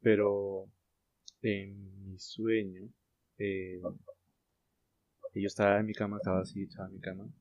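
Low-voiced man telling a story, hesitant. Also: little pitch movement, unhurried, long pauses, darkish tone, no room sound. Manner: hesitant, many fillers and restarts. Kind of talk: casual chat. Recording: lo-fi muffled sound.

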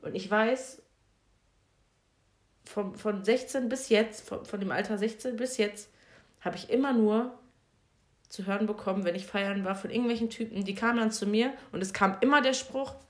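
A young woman in casual chat, telling stories in a direct, lively way. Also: mid-range voice, moderate pace. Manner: direct, animated storyteller. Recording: roomy echo.

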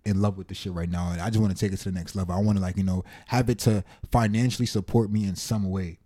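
A man's voice: low voice, steady tone, quick pace, warm tone. A man hosting a podcast, chatting casually in street slang. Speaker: podcast host; photographer. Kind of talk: casual chat.

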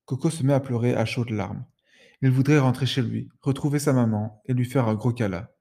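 A man reading a children's story aloud in a lively, sing-song way. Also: mid-range voice, fairly quick, creaky.

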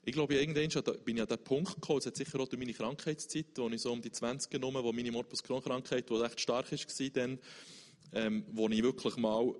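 A man tells his faith story as an interview guest, talking earnestly and often restarting his sentences to find the right words. His voice sits at an ordinary middle pitch. A long hall reverb trails after his words. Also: steady tone, brisk, darkish tone. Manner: earnest, searching, many restarts.

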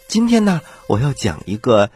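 A man hosting and narrating stories for children in an animated, husky voice. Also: mid-range voice, normal speed, faint music behind. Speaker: children's storyteller, host.

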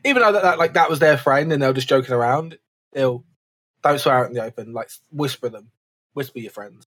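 A man talking quickly in a slightly husky voice during a casual gaming chat. He rambles, stacking up fillers as he works through his points. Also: medium pitch, a bit bright.

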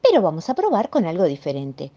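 A woman's voice: fairly low pitch, huge pitch swings, brisk, warm tone. A woman voicing an exasperated, polite lady in a storybook, with a Rioplatense accent, scolding indignantly. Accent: Rioplatense Spanish. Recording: dull lo-fi recording.

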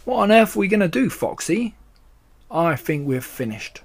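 A man voicing an excitable, anxious badger in a children's story, with blustery, emphatic exclamations. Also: high-pitched, moderate pace, voice pushed up, full character voice. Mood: frantic. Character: excitable, anxious adult male badger, starving digger.

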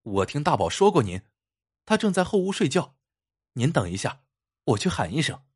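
A man's voice: a little high, sing-song, moderate pace, breathy edge. A man voicing a friendly young shopkeeper woman, welcoming and eager, in a told story.

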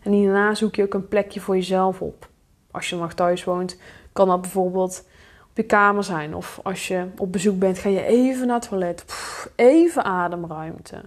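A woman hosting a solo podcast, talking straight to the listener in a direct, confronting way and dropping into a low mutter for inner thoughts. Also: fairly even intonation, normal speed. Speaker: podcast host and coach.

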